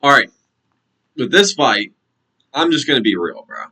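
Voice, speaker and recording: A man's voice: mid-range voice, big pitch swings, normal speed, gravelly, sharp tone, breathy edge. An American man giving a casual fight recap and prediction vlog, blunt and slangy, swearing often. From United States. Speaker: MMA commentator and predictor.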